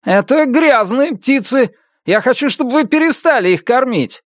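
A narrator voicing a spiteful, bullying male neighbor with a shrill, sneering manner in an audiobook. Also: animated, normal speed, no room sound, clean studio sound. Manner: sneering, bullying, rising to a shriek.

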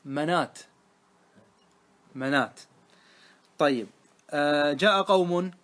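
A man's voice: on the high side, takes it slowly, a bit bright. A man teaching grammar in a classroom lesson, quizzing his students again and again. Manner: quizzing students with repeated questions.

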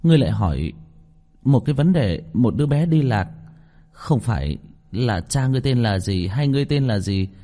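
A man's voice: medium pitch, lively intonation, normal speed, warm tone, close to an everyday voice. A man voicing a small, sulky ghost boy who whines indignantly and grits his teeth. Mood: whiny. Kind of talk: audiobook role voicing. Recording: long reverb.

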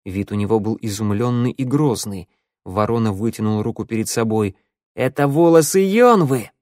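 A man reading a dark fantasy audiobook in a steady storytelling voice, close to the microphone. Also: lowish voice, a little fast, no echo. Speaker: audiobook narrator. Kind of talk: scripted narration.

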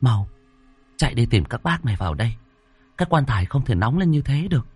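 A man voicing a grieving middle-aged village woman in a ghost story, with high pleading cries. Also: very animated, fairly quick, breathy edge, dry recording, soft background music, exaggerated voice. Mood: urgent. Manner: wailing, high-pitched pleading.

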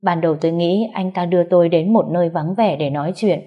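A woman's voice: on the low side, quick pace, dull audio. A woman narrating a sad first-person story in a sorrowful, tender way.

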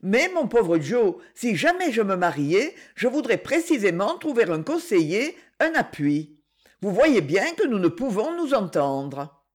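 A proud young woman, gentle yet firm, her voice lifted higher than the reader's own and moving freely in pitch, put on by a woman narrator. She speaks with quiet reproach and tenderness from an old romance novel audiobook. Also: big pitch swings, a little slow. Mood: gently firm.

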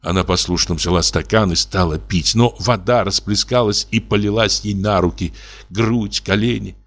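A man with a lowish voice reads classic fiction aloud at an even, measured pace. His narration is expressive, with the mood carried by his delivery. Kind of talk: audiobook reading of classic fiction.

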